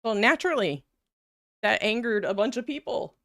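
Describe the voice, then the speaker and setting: A woman's voice: a little high, animated, normal speed, a bit bright, no echo, clean studio sound. A woman host giving offhand, wry commentary between clips. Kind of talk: casual commentary reacting to clips.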